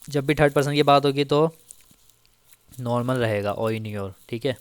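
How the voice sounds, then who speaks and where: A man teaching Turkish grammar in a casual spoken lesson, slowly repeating each example and checking in often with the listener. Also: mid-range voice, clear, resonant tone, no room sound. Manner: slow, repeats each example with frequent "theek hai".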